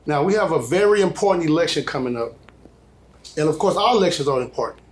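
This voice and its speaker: A man leads a panel discussion as its host. His voice sits a little high for a man. He asks questions in a loose, chatty way. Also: lively intonation, quick pace. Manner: loose, repeats "like" and "just".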